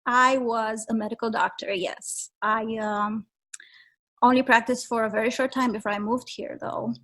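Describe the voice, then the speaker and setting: Woman, measured and reflective. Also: a little high, fairly even intonation, a bit bright. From Romania. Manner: measured, reflective, frequent ums. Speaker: guest, travel photographer. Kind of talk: casual interview.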